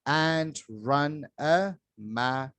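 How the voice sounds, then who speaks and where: A man teaching English to children, reading a grammar worksheet aloud slowly with long pauses, recorded on a phone over a desk. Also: a little high, a bit bright, clear, resonant tone, no room sound. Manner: slow, drawn-out reading with pauses. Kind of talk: slow worksheet walkthrough for children. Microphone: phone filming a worksheet from above.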